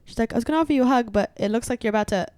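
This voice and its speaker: A woman's voice: a little high, very fast, no room sound. Chatty young woman telling stories. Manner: chatty, many "like"s and restarts, animated storytelling. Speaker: podcast co-host. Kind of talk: casual chat.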